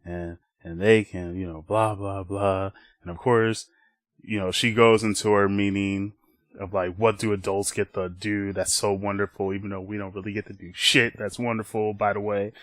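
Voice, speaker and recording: A man's voice: lowish voice, flat delivery, moderate pace, a bit bright, no echo. A young man co-hosting a podcast, casually rambling through an episode recap and acting out characters' lines in playful voices. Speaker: podcast co-host.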